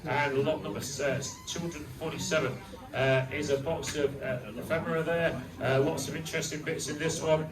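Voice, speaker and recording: A British man calls an auction in a repetitive chant of clipped numbers, with the odd bantering aside. His slightly high voice comes from away from the microphone in an echoey saleroom. A loud crowd murmurs all around him. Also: steady tone, normal speed, far from the mic. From United Kingdom. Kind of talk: auctioneer's bid-calling chant. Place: busy auction room. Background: loud crowd chatter.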